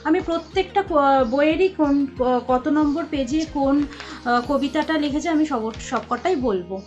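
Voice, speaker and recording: A woman's voice: high-pitched, normal speed, a little mellow. A woman chatting casually in a vlog, talking with frequent hesitations and restarts. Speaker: vlogger. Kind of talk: casual vlog chat showing books. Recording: slightly dull lo-fi sound with faint music.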